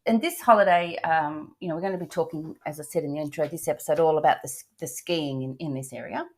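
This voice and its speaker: A woman's voice: low voice, quick pace. Chatty Australian grandmother podcast host. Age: older. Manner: chatty, laughs often, many ums. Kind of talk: casual travel podcast chat.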